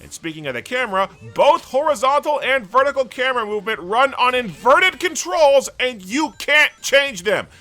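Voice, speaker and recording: A man's voice: very high voice, sing-song, moderate pace, few pauses, sharp tone. A man narrating a scripted video game review, sarcastic and ranting, with frequent swearing. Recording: voice-over with faint music.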